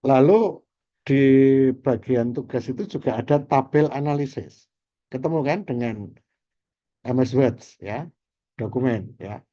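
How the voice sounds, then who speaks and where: A man's voice: mid-range voice, lively intonation, measured pace, pauses often, warm tone, dull audio. A man teaching an online class, explaining terms at length and ending phrases with little checks. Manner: explanatory, repeats key terms with "gitu ya". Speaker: lecturer. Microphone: video call.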